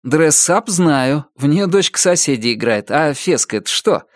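A man reading an audiobook, voicing a calm, measured police officer who answers evasively. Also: on the high side, no room sound, studio quality, pitched above the performer's own voice, close to an everyday voice. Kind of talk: audiobook character voice.

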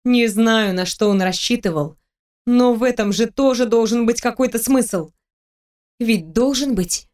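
A woman with a slightly high voice narrates a fantasy novel in the first person, reading it as an audiobook. Her storytelling is expressive and steady, drawing the listener through the scene. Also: normal speed. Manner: expressive storytelling, with the heroine's lines read in her own voice.

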